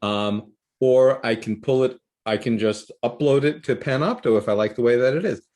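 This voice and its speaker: A man's voice: mid-range voice, moderate pace, a little mellow. Upbeat man hosting a video call workshop. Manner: upbeat, enthusiastic explaining. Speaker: workshop host. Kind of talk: casual instructional talk.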